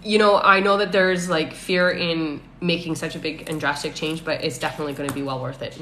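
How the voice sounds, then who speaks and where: A woman's voice: low-pitched, fairly even intonation, brisk. A woman doing psychic readings on a live stream, who calls people honey and laughs often. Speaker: psychic medium. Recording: echoey room with faint noise.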